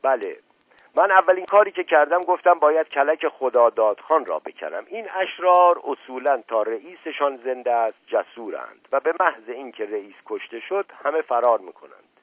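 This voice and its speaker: Casting: male reader doing a loud, boastful old uncle with a quick temper, over a dry, phone-thin line. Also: medium pitch, very animated, slightly rough, no room sound, voice pushed up. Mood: storytelling. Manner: boastful, shouting down interruptions. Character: pompous hot-tempered older man, a boastful uncle. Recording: dry, narrow phone-like sound.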